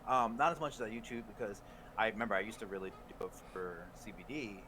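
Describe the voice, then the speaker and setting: A man co-hosting a podcast in casual chat. He rambles, restarts his sentences, swears and laughs often. Clear background noise sits behind his voice. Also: lowish voice, fast talker. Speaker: podcast co-host.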